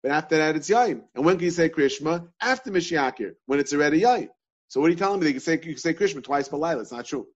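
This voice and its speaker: Man, talmud class teacher, repetitive, slightly high voice, dull lo-fi sound. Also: expressive, fast talker. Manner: repetitive, questioning, restarts often.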